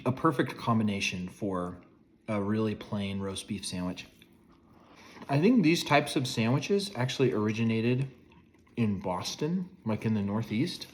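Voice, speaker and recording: A man's voice: fairly low pitch, expressive, measured pace. A man in his forties giving a casual food review, chewing as he talks between bites.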